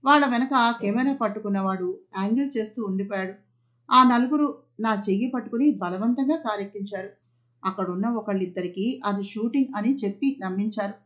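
A woman's voice: medium pitch, fairly quick, fairly bright tone, natural voice. A woman voicing a frightened young woman who has just been rescued, telling her story earnestly. The recording is a little muffled. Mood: shaken. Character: young woman, frightened kidnap survivor, devout. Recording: slightly muffled audio.

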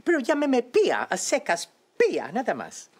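A man's voice: very high voice, huge pitch swings, moderate pace, heavily acted. A man playing gushing chef Pía. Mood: fawning. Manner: theatrical, fawning, singsong. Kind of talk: telenovela comedy acting.

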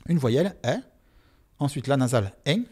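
A man with a Marseille accent, a sociolinguist guest, explaining pronunciation in a lively, expressive way and voicing examples aloud. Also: medium pitch, moderate pace, breathy edge. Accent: Marseille French. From Marseille, France. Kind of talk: casual explanatory interview.

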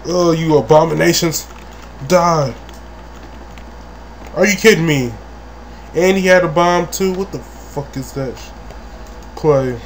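A man with a somewhat high voice calls out a video game as he plays, swearing freely and jumping into loud yelps. He sits at a home desk mic with soft keyboard clicks in the background. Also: slow, long pauses, slight background noise. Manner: crude, profane, with sudden loud outbursts. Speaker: gaming channel host. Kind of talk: let's play commentary.

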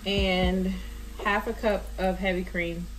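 A woman's voice: medium pitch, slow pace, low-quality recording. A woman casually talking viewers through a recipe step by step while she cooks at her home stove. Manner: relaxed step-by-step explaining with fillers. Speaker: cooking vlogger. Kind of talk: casual cooking tutorial. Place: home kitchen at a gas stove. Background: background music and sizzling pan.

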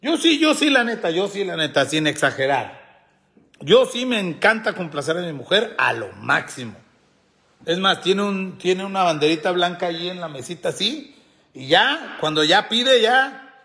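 A man's voice: sits high, big pitch swings, moderate pace, sharp tone. Joking man reading comments on a live chat. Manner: joking, laughs often, reads comments aloud. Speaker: host.

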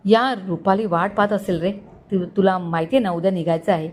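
A woman's voice: lowish voice, brisk, darkish tone, pitched below the performer's own voice, natural voice. A woman voicing a coaxing young man. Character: pleading young male student friend.

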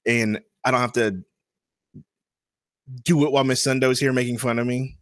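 A man in his thirties chats on a live stream at a desk mic. He is laid-back and answers dryly. His delivery stays casual and even. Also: mid-range voice, moderate pace, no room sound. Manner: laid-back, dry pushback. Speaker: podcast co-host.

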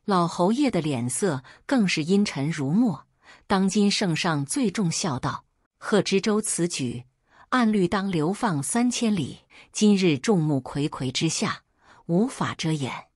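A woman narrating a dramatic story in an expressive storytelling reading. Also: fairly low pitch, unhurried, husky, no room sound, studio quality.

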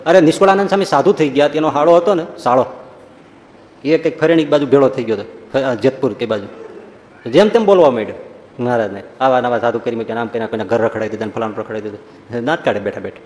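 A man giving a humorous religious talk, telling anecdotes in a lively storytelling way and acting out the people in them. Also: medium pitch, fast talker. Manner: storytelling, animated, acts out quoted voices. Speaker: preacher. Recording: long hall reverb.

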